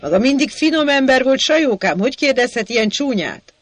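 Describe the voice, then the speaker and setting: A man voicing a punning, obtuse male coffee-house regular who misreads everything with a deadpan air. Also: extremely high pitch, no echo, voice pushed up. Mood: innocent puzzlement.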